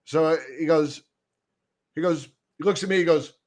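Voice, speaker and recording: A man's voice: on the high side, moderate pace. A man co-hosting a sports talk show, telling a story and acting out both sides of the conversation with frequent laughs. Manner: animated storyteller, acts out dialogue, laughs often. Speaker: podcast co-host. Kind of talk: casual chat.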